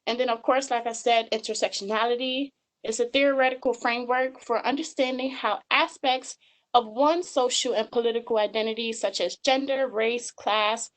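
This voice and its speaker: A woman's voice: a little high, steady tone, normal speed, low-quality recording. A woman in her twenties giving a webinar presentation over slides, earnest and full of filler ums. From Georgia, US. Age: 20s.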